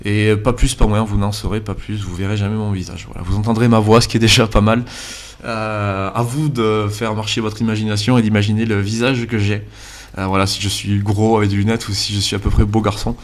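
Brief: twenties male gaming YouTuber, southwestern French accent, lowish voice, sincere and halting, cheap mic. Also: little pitch movement. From Landes, southwest France. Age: 20s. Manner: earnest, hesitant with frequent "euh" fillers. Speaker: YouTube gaming channel host. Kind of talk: voice-over commentary over gameplay. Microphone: basic cheap microphone.

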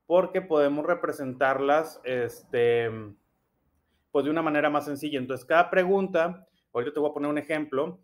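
A man's fairly high voice, teaching young pupils in a patient classroom manner. He goes over each point slowly and again, checking often that they follow. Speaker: primary school teacher. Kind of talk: explanatory classroom lesson.

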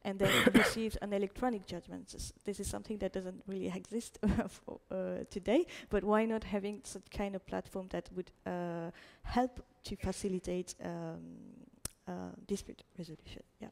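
A woman's voice: mid-range voice, fairly even intonation, moderate pace, gravelly. A young woman giving a meetup presentation over a headset mic, talking with many hesitant fillers. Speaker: startup presenter. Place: stage in front of a projected slide.

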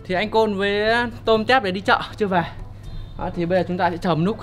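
Fast-talking young man. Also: high voice, fairly even intonation, soft background music. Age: young adult. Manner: chatty, upbeat, addresses viewers directly. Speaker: vlogger host. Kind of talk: casual prank vlog talk to camera. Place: outdoor yard and indoor storeroom.

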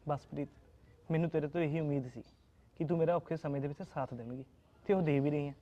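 A man plays a devoted young husband out of work, speaking with a Punjabi accent in a soft, pleading, reassuring way. His voice sits a little high but sounds mellow and dark. The recording is slightly muffled and dull. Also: fairly even intonation, fast, lightly acted. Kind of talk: Punjabi short-film acting.

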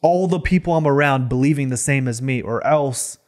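A man's voice: medium pitch, brisk, a little mellow. A man in his thirties co-hosting a casual reaction podcast, opinionated and fond of rhetorical questions, close on a studio mic. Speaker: podcast co-host. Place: small foam-treated studio. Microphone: close studio microphone on boom arm.

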